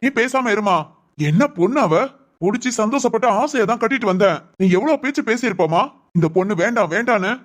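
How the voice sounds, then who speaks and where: A woman's voice: fairly high pitch, lively intonation, fast talker. A woman voicing a hot-headed, protective adult son in a family cartoon, ranting indignantly. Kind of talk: Tamil family cartoon voice acting.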